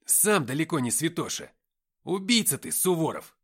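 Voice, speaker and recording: A man's voice: on the high side, very animated, normal speed, a bit bright, slightly rough, voice pushed up, full character voice. A man reading an audiobook voices a cheeky, mocking young man who teases his companions. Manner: teasing, flippant.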